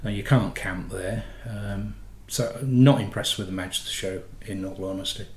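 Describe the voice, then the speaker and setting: A middle-aged man with a head cold hosts a motorhome channel, his voice slightly nasal, chatting and rambling while correcting himself. He speaks at a moderate pace in a voice on the low side, in an echoey room.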